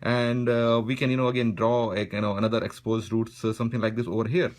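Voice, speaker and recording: A man narrating a pen and ink drawing tutorial in a relaxed way, filling his speech with "you know" as he draws. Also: medium pitch, quick pace. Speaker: drawing instructor. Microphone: voice-over while drawing.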